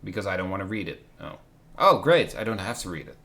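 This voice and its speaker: Low yet bright and forceful, this man's voice runs quick and sing-song as he reads a visual novel aloud with a co-reader on stream. He interrupts with dry commentary on the script, and the broadcast carries faint noise.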